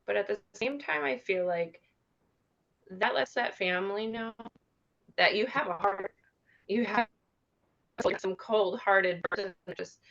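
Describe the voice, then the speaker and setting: A woman hosting a casual discussion as a nurse, speaking in halting phrases on slightly muffled audio. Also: mid-range voice, creaky, a bit bright. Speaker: discussion host and hospice nurse.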